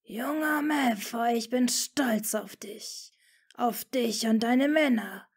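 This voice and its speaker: A woman voicing a cold, menacing male dark lord in a hissing, icy whisper, as whispered role-play in a fan-fiction reading. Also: on the high side, takes it slowly, vocal fry, breathy edge, pitched above the performer's own voice, exaggerated voice.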